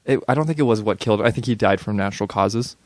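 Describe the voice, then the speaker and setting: A young man co-hosting a podcast in relaxed, rambling chat. His voice sits a little low, and he stumbles through fillers and restarts, often laughing. The recording is dry and close, with no room sound. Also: rapid-fire, dry recording. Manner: hesitant, many fillers and restarts, laughs easily. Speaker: podcast co-host. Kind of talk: casual chat.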